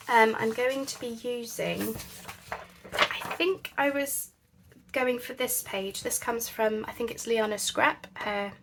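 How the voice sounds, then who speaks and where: The host of a crafting channel, a woman with a fairly high voice, chats casually while working on a craft project. She thinks aloud with lots of fillers, and there's a little hiss or hum in the recording.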